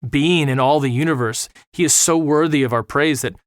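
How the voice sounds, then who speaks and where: A middle-aged missionary appears as a guest in an earnest podcast conversation, speaking with a preacher's passion and repeating words to drive his points home. His voice is fairly high and moderately paced, recorded in studio quality with no echo.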